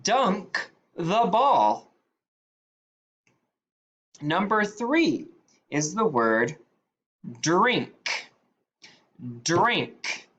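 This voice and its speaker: A woman teacher giving a spelling dictation, sounding out each word slowly and repeating it with patient, clear delivery. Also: fairly low pitch, very animated, fairly bright tone, muffled recording.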